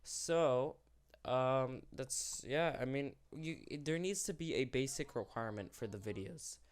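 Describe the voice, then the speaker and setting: Here a young YouTube host talks a little slowly in a clean, medium-pitched voice. He's ill and his voice is fading, yet he keeps up a candid, rambling, unscripted commentary full of self-corrections.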